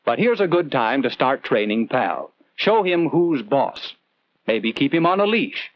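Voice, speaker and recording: A man narrates a 1940s educational film in scripted storytelling, earnest and conversational, tossing rhetorical questions to the viewer. His medium-pitched voice swings widely in pitch and moves unhurriedly, on a lo-fi soundtrack with no echo.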